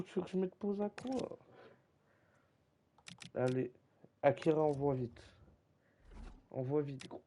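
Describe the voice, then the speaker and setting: Heard through a desk mic with a slight hiss or hum, a young man streams a football game live, joking with viewers in slang and saying "gros" again and again. He runs a football league, and his voice is medium-pitched and warm.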